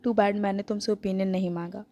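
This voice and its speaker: A woman voicing an irritated, sharp-tongued young woman who snaps back. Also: mid-range voice, little pitch movement, a little fast, natural voice. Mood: annoyed. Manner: snappy annoyed retorts.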